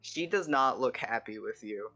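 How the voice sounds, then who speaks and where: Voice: medium pitch, animated, normal speed, sharp tone, faint music behind. A game master running a live tabletop game in a casual, chatty way, switching between narration and in-character lines.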